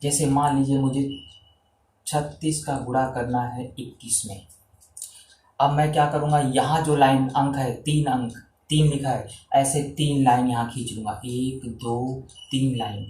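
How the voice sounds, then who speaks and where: A man's voice: medium pitch, steady tone, a little slow, warm tone, reverberant, a little hiss or hum, low-quality recording. A man teaching a maths lesson in Hindi, counting aloud step by step as he draws lines and encouraging the viewers.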